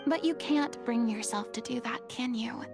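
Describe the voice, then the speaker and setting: Bossy stern young woman, high voice, game music clearly behind. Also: normal speed. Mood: earnest. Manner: stern, lecturing. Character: stern, commanding young woman scolding a quarrelling troupe. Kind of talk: video game voice acting.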